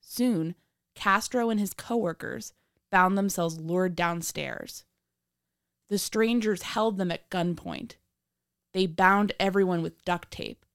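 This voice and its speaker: A woman with a lowish voice narrates true crime as a podcast host. Her delivery is scripted, measured and dramatic, recorded dry and close with no room sound. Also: clean tone, dry recording.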